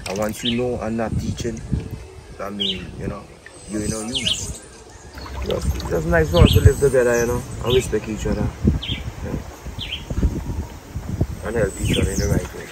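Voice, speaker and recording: A man with an Antiguan accent, chatting casually while he cooks outdoors, relaxed and preachy, full of "you know"s. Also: on the low side, moderate pace, pauses often. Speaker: outdoor cook. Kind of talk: casual talk while cooking. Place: outdoors by a cooking fire. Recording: loud outdoor noise.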